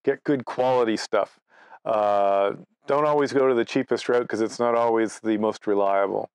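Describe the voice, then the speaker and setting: Standing outdoors before leafy trees, a man who is a presenter and amateur radio operator gives an informal, conversational instructional talk, explaining through step-by-step examples and anecdotes. His voice is fairly low, darkish, clear and resonant, with fairly even intonation at normal speed and no echo.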